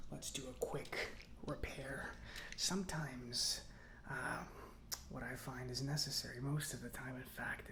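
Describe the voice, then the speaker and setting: In a soft-spoken ASMR roleplay, a man plays a gentle, reassuring robot mechanic, speaking unhurriedly and a little hesitantly. His voice is mid-range and the sound is roomy.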